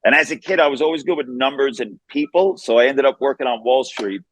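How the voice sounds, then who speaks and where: Fast-talking man with a Brooklyn accent. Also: mid-range voice, fairly bright tone, low-quality recording. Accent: Brooklyn, New York. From Long Island, New York. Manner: informal, peppered with "man" and "you know". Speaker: fast-food founder, interview guest. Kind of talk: casual interview conversation.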